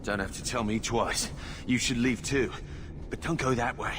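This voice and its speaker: A coarse, plain-talking miner who has just fled for his life, acted by a man in a video game. His voice sits at an ordinary middle pitch. Steady noise runs under the game audio. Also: normal speed, natural voice. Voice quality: plain-spoken, coarse words. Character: frightened working-class male miner, rough-spoken.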